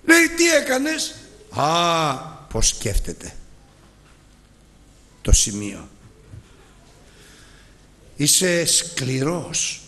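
Guy preaching a sermon, high and all over the place, echoey big church hall. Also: huge pitch swings, long pauses. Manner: impassioned, with sudden swings between loud emphasis and low, hushed lines.

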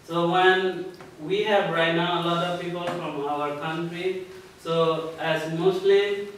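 A man in his thirties from Burma talks with a Burmese accent, in earnest, plain and halting English full of small pauses. His voice sits slightly high for a man. He is picked up from a distance in a small, very echoey meeting room. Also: slight background noise. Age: 30s. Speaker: panel speaker. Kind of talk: personal testimony at a community panel. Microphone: far room mic.

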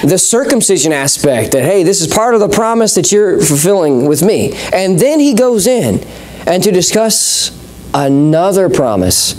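A man's voice: a little high, darkish tone, a little hiss or hum. A male pastor preaching a sermon in an earnest, conversational way with touches of light humor, speaking to a church congregation. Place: church service.

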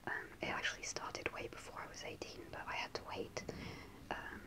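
Her pace a little fast, a young woman whispers a personal story in a soft, unvoiced ASMR style, hesitating with lots of ums. She's in a small indoor room against a starry backdrop, near a camera held at face level.

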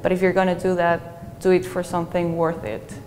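A young woman, a graduate student speaking earnestly in a measured way with thoughtful pauses in an interview testimonial. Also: lowish voice, completely flat delivery, darkish tone. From Peru. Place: bright indoor university hallway with large windows. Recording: long reverb with faint music behind.

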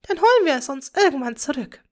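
A scheming, proud aristocratic witch speaks with possessive intensity, as a woman reader puts her on. Her voice sits higher and stronger than plain storybook narration, dark and conspiratorial in tone. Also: big pitch swings, fast talker.

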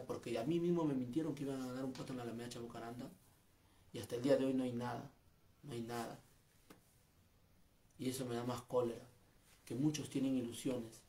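A man's voice: medium pitch, dark tone, roomy sound, slight background noise. A man, a street comedian, making an earnest, aggrieved personal statement, repeating his points. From Peru.

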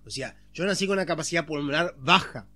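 Man, slightly high voice. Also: quick pace, bright, forceful tone. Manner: explains step by step, checking in with a frequent "¿bien?"; repeats and restarts phrases while thinking aloud. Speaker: vlogger. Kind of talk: casual monologue to camera.

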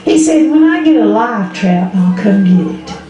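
With a mellow, medium-pitched voice and lively intonation, an older Appalachian woman from the Smoky Mountains tells folksy stories a little slowly to a live crowd, quoting relatives and neighbours. She uses a handheld microphone through a PA beneath an open tent at a public event. The recording is muffled and echoey, with faint noise and soft music behind her.

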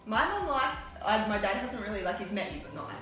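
A woman's voice: mid-range voice, very animated, brisk, sharp tone. A teenage girl chatting casually as a guest, reading out questions and giggling. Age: teens. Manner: giggly, reads questions aloud. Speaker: guest friend. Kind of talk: casual chat. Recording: roomy echo with faint music.

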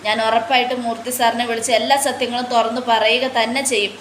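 A woman speaks as a gravely ill young mother from a TV serial, earnest and pleading, her voice set a little high. The words come through a roomy, echoing space. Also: flat delivery, fast talker, a bit bright, slight background noise, close to an everyday voice. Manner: earnest, pleading retelling of dialogue. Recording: roomy echo.

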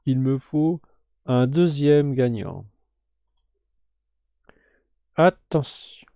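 A man hosting a live game stream, slowly drawing giveaway winners and muttering to himself with whispered asides. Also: mid-range voice, lively intonation, creaky, dark tone, no echo, studio quality.

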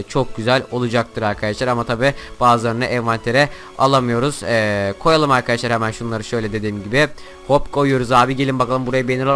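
A young man hosting a gaming channel, giving excitable Minecraft gameplay commentary and constantly talking to his viewers. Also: mid-range voice.

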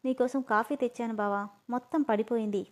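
A woman's voice: on the high side, fairly even intonation, fairly quick, natural voice. A woman reading as a naive lovestruck young girl.

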